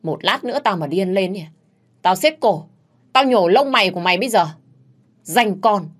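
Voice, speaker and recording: A woman voicing a fierce, hot-tempered young female servant who threatens roughly. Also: mid-range voice, lively intonation, moderate pace, voice pushed up, lightly acted. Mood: mocking threats.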